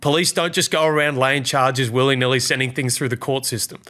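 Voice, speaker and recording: A man's voice: medium pitch, fairly even intonation, a little fast, pushed and bright. A man with a nasal, blocked-up voice from hay fever, hosting a casual sports chat. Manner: chatty, cautious on serious topics. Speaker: podcast host.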